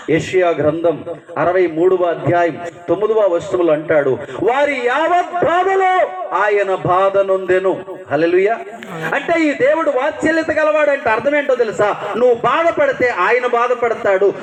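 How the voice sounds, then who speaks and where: A man's voice: high voice, low-quality recording. A male pastor preaching a sermon, telling stories and asking his congregation direct questions. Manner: lively storyteller who acts out voices in his stories. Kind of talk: sermon with storytelling.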